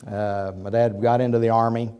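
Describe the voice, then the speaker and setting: Losing his voice to a cold, a fifty-something businessman from Oklahoma rambles through a conversational public lecture at a university auditorium, frequently speaking directly to the crowd. His medium-pitched voice is mellow, clear and resonant but delivered flatly, at a moderate pace, on lo-fi audio.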